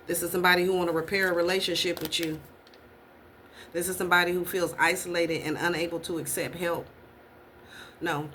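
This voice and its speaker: A woman's voice: fairly low pitch, pushed and bright, slight background noise. Blunt, profane woman tarot reader. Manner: blunt, profane, repeats rhetorical questions. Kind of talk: casual tarot reading.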